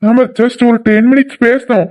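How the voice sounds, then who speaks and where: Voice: medium pitch, steady tone, moderate pace, a little mellow, close to an everyday voice. A performer voicing a bold, joking young man in an audio drama, with a teasing, cocky manner. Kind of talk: amateur audio drama acting.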